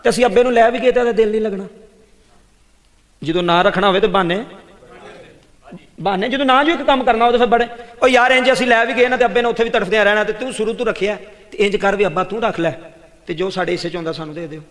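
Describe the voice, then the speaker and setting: A man's voice: sits high, quick pace, long pauses, a bit bright, long reverb tail. A man with a Pakistani Punjabi accent voicing a greedy older brother who wheedles in a sermon story. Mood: wheedling.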